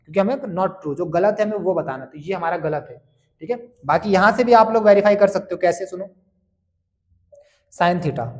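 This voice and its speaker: A man's voice: high voice, a little mellow. A man teaching a board-exam maths lesson who keeps asking questions and answering them himself. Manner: asks and answers his own questions, calling students bhaiya and beta.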